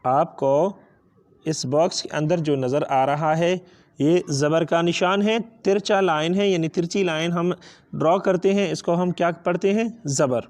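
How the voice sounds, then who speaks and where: A man's voice: on the high side, fairly even intonation, darkish tone. A man with a Pakistani accent teaching Quran reading step by step, patiently asking and answering his own questions and stretching out letter sounds. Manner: switches between two languages. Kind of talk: step-by-step lesson.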